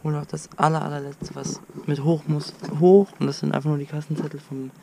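A man's voice: fairly high pitch, little pitch movement, brisk, a little mellow, poor audio. A young man, a student, vlogging casually outdoors and thinking aloud with fillers. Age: young adult. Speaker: travel vlogger. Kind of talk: casual vlog commentary. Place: outdoors by a lake, later beside a van. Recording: outdoor recording with clear noise. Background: clear outdoor noise.

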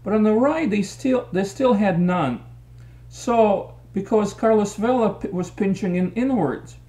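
A middle-aged soccer commentator gives an opinionated post-match analysis into a desk webcam in a small room, gesturing as he explains tactics. His voice is high-pitched and mellow, and he speaks a little slowly.

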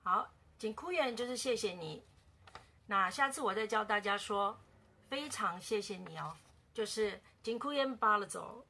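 A woman teaching a beginner language lesson in a casual way, repeating words slowly for her learners. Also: mid-range voice, animated, pushed and bright, a little hiss or hum.

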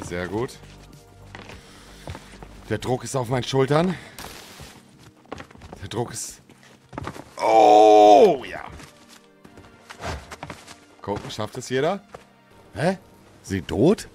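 A man in his thirties doing casual live gaming commentary into a close mic, with slangy swearing and frustrated exclamations, swinging between muttering and shouting. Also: medium pitch, sing-song, slow pace, pauses often, soft background music. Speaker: livestreamer playing a video game. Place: small dim indoor streaming room. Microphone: close studio microphone on arm, headset.

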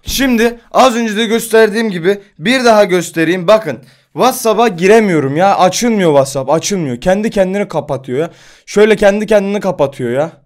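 A man in his twenties ranting on his vlog, exasperated and swearing, repeating himself. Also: high-pitched. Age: 20s. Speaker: vlogger.

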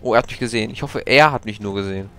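A young man casually commenting while he plays a video game, chatty and prone to startled, high-pitched outbursts. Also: rapid-fire, a bit bright, smooth, faint music behind. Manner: chatty, exclaims and jumps to high-pitched yelps when startled. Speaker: let's play gamer.

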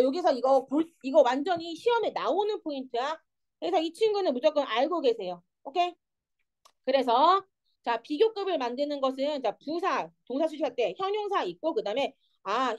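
A woman's voice: high-pitched, highs cut off. A young woman teaching an English grammar lesson, explaining step by step and often checking whether the students follow. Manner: lively, keeps checking understanding with students.

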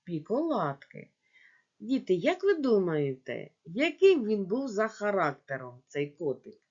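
A woman teaching young children in a video lesson, dictating words slowly syllable by syllable and speaking to the class directly. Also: mid-range voice, wildly swooping pitch, darkish tone, slightly rough. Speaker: primary school teacher. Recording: dull lo-fi home recording.

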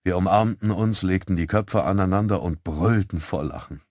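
Low-voiced man narrating an audiobook. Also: no room sound, clean studio sound. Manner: calm, measured storytelling. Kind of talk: first-person audiobook narration.

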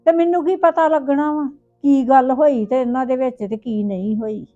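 A doting old village grandmother, played by a woman speaks. She mishears, then scolds, in a fairly high voice. Faint music plays under this homemade drama. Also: fairly even intonation, moderate pace, dark tone, muffled recording, close to an everyday voice. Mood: puzzled. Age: older.

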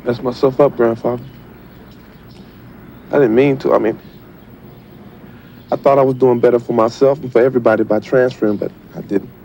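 A man's voice: mid-range voice, fairly even intonation, moderate pace, pauses often, dark tone, a little hiss or hum, close to an everyday voice. A young man playing a discouraged teenage grandson. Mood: upset. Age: teens. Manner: upset, pleading, frustrated. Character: troubled teenage grandson, discouraged high school student.

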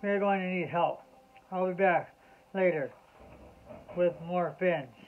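A man's voice: high voice, unhurried, slight background noise. A man reading the lines of an eager, bold young male clownfish in a storybook. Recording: tinny lo-fi phone-like audio.

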